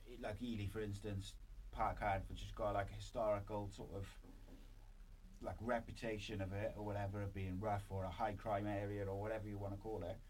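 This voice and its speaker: A man's voice: fairly low pitch, flat delivery, brisk, darkish tone, poor audio. A man with a Welsh accent hosting a podcast in a casual, rambling, informal way. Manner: informal, rambling, frequent filler 'like'. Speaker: podcast host. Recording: clear background noise.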